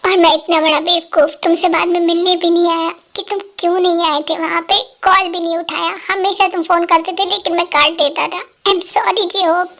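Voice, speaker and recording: A woman's voice: extremely high pitch, little pitch movement, moderate pace, fairly bright tone. A woman voicing a remorseful young male friend who keeps apologizing, in a fan dub. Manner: apologetic, self-blaming.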